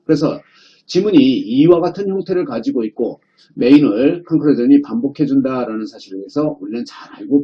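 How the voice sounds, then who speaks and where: A man's voice: mid-range voice, muffled recording. A man teaching English exam reading in a recorded lecture, asking rhetorical questions and answering them himself.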